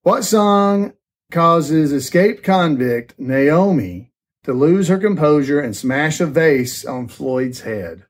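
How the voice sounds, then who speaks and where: A man's voice: a little high, animated, slow. A man hosting a podcast, chatting casually and reading trivia questions aloud twice, laughing easily. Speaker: podcast host. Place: on a cruise ship.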